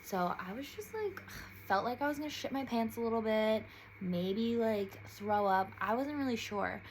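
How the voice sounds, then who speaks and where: A woman's voice: on the high side, animated, normal speed, slight background noise, low-quality recording. A young woman in her twenties telling a personal story in a casual vlog, chatty and full of "like"s, jumping her voice up when quoting others. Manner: chatty, filler-heavy, emotional, many "like"s. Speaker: vlogger.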